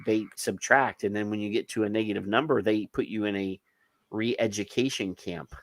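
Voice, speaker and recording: A man's voice: on the low side, steady tone, moderate pace, no room sound. A middle-aged man co-hosting a podcast, chatting casually and sarcastically, often restarting his sentences. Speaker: podcast co-host. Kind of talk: casual chat.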